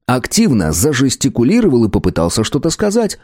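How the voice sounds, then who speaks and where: A man narrating an audiobook with expressive storytelling, close to the mic. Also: mid-range voice, fairly quick, no room sound. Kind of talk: scripted narration.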